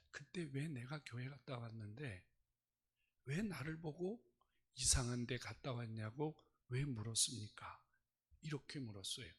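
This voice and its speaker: Husky, bright-voiced male pastor preaching. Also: medium pitch. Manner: dramatic storytelling, swings from hushed whispers to loud outbursts. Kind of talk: sermon.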